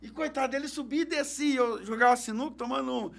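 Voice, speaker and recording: A man's voice: extremely high pitch, quick pace, gravelly, fairly bright tone. A man, a stand-up comedian telling brash, crude stories in a podcast interview. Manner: brash, joking, crude humor. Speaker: stand-up comedian and radio host. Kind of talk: comic storytelling in a podcast interview.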